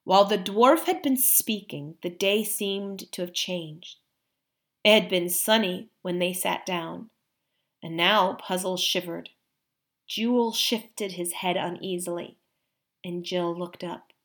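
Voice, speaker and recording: A woman reading a children's story aloud in an expressive, unhurried way. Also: fairly low pitch. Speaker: audiobook reader.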